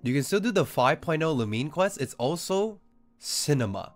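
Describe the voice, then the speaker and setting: During a casual gaming livestream, a young man with a fairly high, very animated voice talks at a moderate pace over faint music. Australian-born with a Southern Californian accent, he jokes with viewers, swears freely, and reads out the chat.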